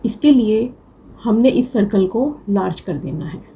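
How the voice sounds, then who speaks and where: A woman's voice: medium pitch, animated, mellow, lo-fi sound, a little hiss or hum. A woman teaching a shorthand class, patiently repeating each word to drill it. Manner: patient, repeats words slowly to drill them. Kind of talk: slow classroom explanation.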